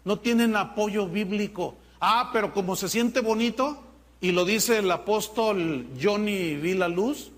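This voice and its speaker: A man preaching a sermon as pastor, in an animated, mocking way. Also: high-pitched, a little slow.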